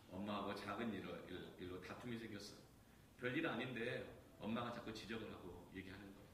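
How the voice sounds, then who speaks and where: A male pastor telling a story in a sermon, dropping to hushed quoted lines and rising to loud emphatic peaks. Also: low-pitched, noisy background. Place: church sanctuary. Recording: echoey church hall from far off.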